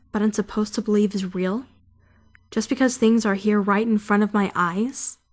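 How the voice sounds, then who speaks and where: With music playing behind her, a woman voices an anxious, brooding fourteen-year-old schoolgirl in a visual novel fandub, narrating her self-doubting thoughts in an introspective, questioning, self-critical way. Her mid-range voice has a darkish tone and sounds close to everyday speech. The mood is pensive and uneasy.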